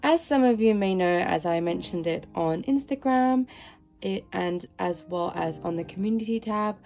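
A woman's voice: on the low side, animated, normal speed, dark tone. A young woman with a nasal, stuffed-up voice after being ill, chatting upbeat through a casual manga unboxing vlog. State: nasal from a cold. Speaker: manga vlogger.

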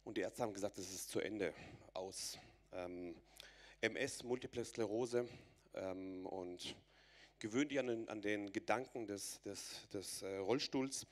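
A man's voice: on the low side, unhurried. A man in his thirties from Germany, giving an earnest, urgent personal faith testimony to a church audience, repeating phrases and restarting words.

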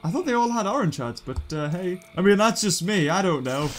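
A young British man giving casual gameplay commentary in a goofy, jokey, excitable way. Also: high voice, a little fast, slight background noise. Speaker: gaming YouTuber.

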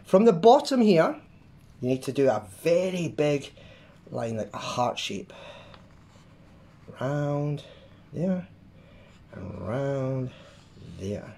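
This is a host leading a drawing lesson for kids. The voice swoops up and down with lots of melody. They pepper the instructions with playful beeps and booms and keep checking that the viewer is following. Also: takes it slowly, pauses often. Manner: lively, makes playful sound effects while drawing. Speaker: children's art class host.

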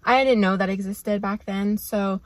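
A woman with a mid-range voice talks at a normal speed in a steady tone, chatting casually to a dashboard camera from the seat of her parked car. The vlogger rambles, peppering her speech with lots of "like" and "um."

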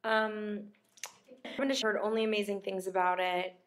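The recording is rough, captured close up on a laptop webcam. A young actress with a medium-pitched, flat voice talks at a moderate pace, chatting with livestream fans while her voice gives out and reading viewers' questions with self-deprecating humor.

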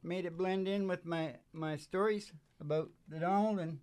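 On a small, dim, curtained stage, an older show host and musician chats casually, joking in a loose, meandering way. His voice sits high with fairly even intonation, a moderate pace, and a slightly mellow, clean tone, captured by a stage microphone up close.

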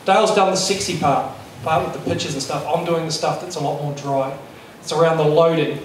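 A middle-aged man speaks as a fast bowling coach, candid and brisk, with a wry, self-deprecating edge. His voice sits a touch high and comes through a handheld microphone. The lecture room adds heavy echo and a faint background hiss. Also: steady tone. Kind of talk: workshop presentation. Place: large lecture room with projector. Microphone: handheld mic. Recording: echoey room, distant sound, faint noise.

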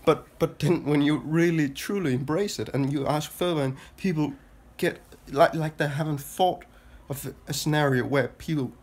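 Recorded on a phone at arm's length in a small room, a man from Denmark in his twenties rambles to camera as a vlogger, his voice on the high side and his nose stuffed up from a cold. He speaks with a Danish accent, haltingly, restarting often and filling gaps with filler sounds.

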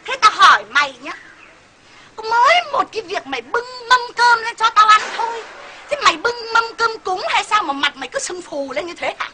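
A woman plays a coarse, bullying husband who yells and threatens without pause. The voice is very high and swings widely in pitch. It races along over loud background noise. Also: expressive. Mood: scolding. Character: bullying, shouting husband of middle age.

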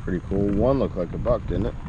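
A man in his thirties hosting a casual outdoor vlog on a dark rural road at night, chatty and excited, talking to the snakes he finds. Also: lowish voice, fast, lo-fi sound. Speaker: fishing channel host. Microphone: action camera. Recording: noisy outdoor camera audio.

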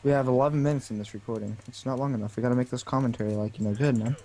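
A man's voice: mid-range voice, fairly even intonation, very fast, mellow, poor audio. A man bantering through casual gameplay commentary, joking and mock-boastful. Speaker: co-player.

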